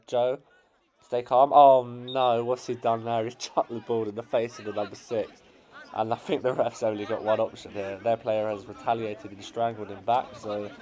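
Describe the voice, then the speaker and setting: Excitable English amateur football commentator. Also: male voice, lowish voice, a little fast, a faint crowd. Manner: builds to shouting excitement at late chances. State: voice cracking. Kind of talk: excitable match commentary over highlights.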